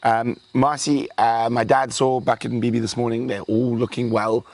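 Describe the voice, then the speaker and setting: A young South African man with a medium-pitched, creaky voice speaks at a moderate pace in an echo-free recording. Hosting a live wildlife stream, he chats casually, mentions he's losing his voice, reads out thanks to viewers, and breaks into excited exclamations.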